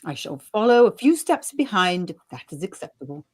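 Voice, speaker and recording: A man's voice: high-pitched, sing-song, fairly quick, husky, voice pushed up, heavily acted. A man voicing a prim, disapproving male valet, who speaks stiffly and formally. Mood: coolly disapproving.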